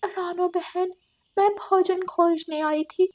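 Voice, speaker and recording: A woman voicing a grieving young widowed female crow who laments in a high, tearful voice. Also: fairly even intonation, slow pace, darkish tone. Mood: meek.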